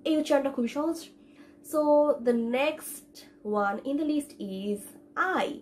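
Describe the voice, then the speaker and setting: A woman's voice: high-pitched, slight background noise. A young woman from Bangladesh, a language instructor giving an online lesson, patiently repeating vowel sounds and mixing in English.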